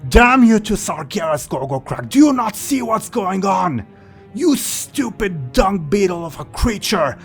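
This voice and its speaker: A man's voice: medium pitch, a little slow, faint music behind, pitched above the performer's own voice, lightly acted. A man voicing a vengeful male demon who speaks through another's throat, pleading and then hurling insults. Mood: furious.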